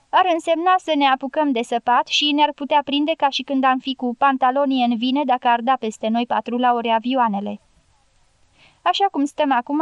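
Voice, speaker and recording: A woman narrating an audiobook in a steady, measured reading. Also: on the high side, smooth, dry recording. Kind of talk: scripted narration.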